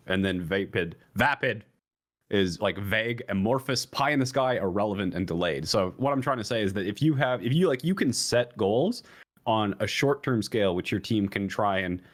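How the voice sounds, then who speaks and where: A man's voice: expressive, fairly quick. A man co-hosting an esports talk show, explaining his view in a rambling way, with many restarts and fillers. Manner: rambling with many restarts and fillers, jumps higher when emphatic. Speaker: esports podcast co-host. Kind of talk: casual analytical chat.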